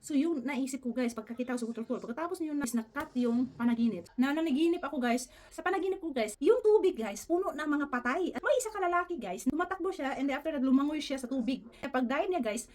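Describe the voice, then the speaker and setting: A woman's voice: high voice, lively intonation, darkish tone, a little hiss or hum. A woman vlogger telling a story in a casual, earnest way, often addressing her viewers as "guys" and mixing English into her talk. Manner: fast, earnest, keeps saying "guys", mixes English in.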